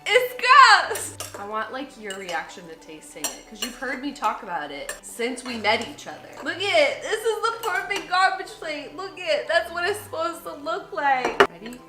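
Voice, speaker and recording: A young woman from upstate New York hosting a casual home vlog, excitable and gushing, swearing freely as she chats. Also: sits high, normal speed, few pauses. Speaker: channel host. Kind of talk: casual chat. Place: home kitchen. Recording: echoey room, faint music.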